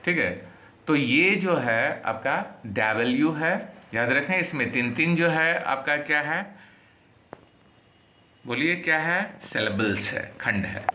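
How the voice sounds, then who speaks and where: A man from Bihar with an Indian accent, teaching an English lesson and explaining slowly, with lots of repetition and tag questions. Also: fairly high pitch, lively intonation, pushed and bright. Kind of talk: classroom lesson. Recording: echoey room.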